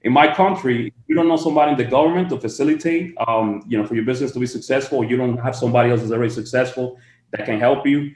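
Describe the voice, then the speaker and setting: A man's voice: medium pitch, rapid-fire, a little mellow, roomy sound. A man from the Dominican Republic, a podcast guest, telling his story in casual, chatty talk full of fillers from his home office. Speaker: guest, tax strategist.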